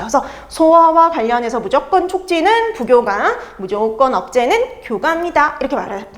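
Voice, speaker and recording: Woman lecturer, high lively voice, exam-prep lesson, asks and answers her own questions. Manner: asks students questions and answers them herself; repeats key terms for emphasis.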